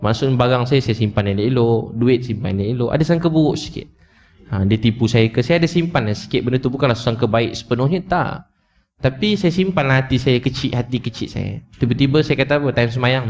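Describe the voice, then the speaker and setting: A man preaches to a live audience in a brisk, medium-pitched, slightly mellow voice. He relates a story with emotion, repeats his points, and addresses his listeners directly. The lo-fi recording is slightly dull.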